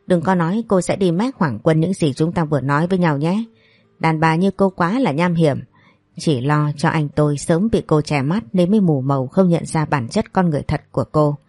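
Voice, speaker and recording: A woman's voice: low-pitched, moderate pace, darkish tone, no echo. A woman voicing a spiteful, scheming young woman who sneers and insults her rival.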